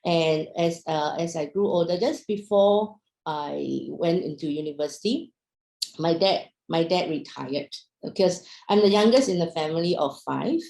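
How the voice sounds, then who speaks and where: In an echoey room, a young woman speaks unhurriedly to an online audience in a casual business talk, chatting away with plenty of fillers and questions. Her voice is low, gravelly and darkish, with fry; she comes from Myanmar and grew up in Singapore.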